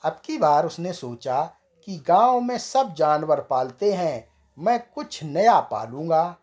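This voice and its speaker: A comic storyteller reads a village tale at a slow, unhurried pace. The pitch sits in a middle range and the telling carries small chuckles. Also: sing-song, darkish tone.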